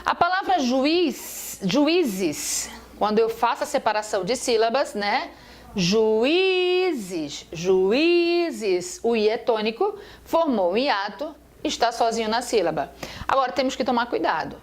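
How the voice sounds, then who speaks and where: A woman's voice: fairly high pitch, lively intonation, normal speed. A woman teacher giving a recorded grammar lesson over slides, explaining step by step and asking and answering her own questions. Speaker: Portuguese teacher.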